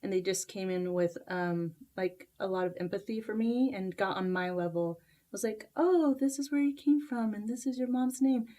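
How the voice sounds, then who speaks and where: A woman's voice: mid-range voice, normal speed, dark tone. A woman from Costa Rica who grew up in Utah, a book author talking as a guest in a casual interview, with many fillers and restarts. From Costa Rica, raised in Utah.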